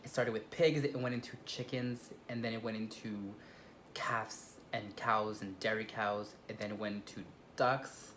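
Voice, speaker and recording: A man's voice: fairly low pitch, steady tone, unhurried, a bit bright, a little hiss or hum. A man co-hosting a conversational review, speaking in a casual, discursive way. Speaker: co-host reviewing a documentary.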